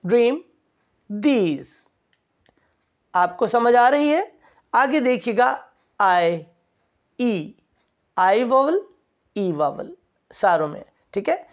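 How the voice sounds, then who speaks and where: A woman teaching English pronunciation who drills each word slowly and asks her own questions before answering them. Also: medium pitch, darkish tone. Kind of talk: recorded vowel pronunciation lesson. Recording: dull lo-fi recording.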